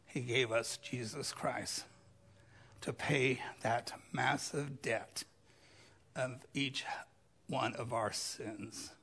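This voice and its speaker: A man preaching a sermon as a pastor, slow and emphatic, with dramatic rises in his voice. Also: mid-range voice, fairly even intonation, fairly bright tone, slightly rough.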